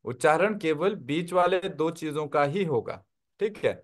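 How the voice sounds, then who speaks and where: A man's voice: fairly high pitch, lively intonation, measured pace. A man teaching a Tibetan script class online, explaining step by step and often checking that his listeners follow. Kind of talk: online language lesson.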